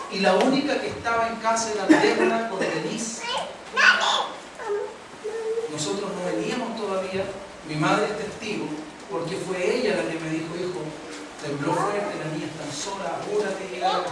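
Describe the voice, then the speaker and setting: Chilean pastor preaching in echoey hall. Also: male voice, high-pitched, normal speed, distant mic. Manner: animated preaching with rhetorical questions. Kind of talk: sermon. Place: large church hall. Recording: very echoey hall recorded from afar with noise.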